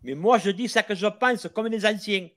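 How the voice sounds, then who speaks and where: A man's voice: sits high, normal speed, fairly bright tone. An older man from Marseille with a Marseille accent, a football supporter talking passionately and repeating himself in a casual chat.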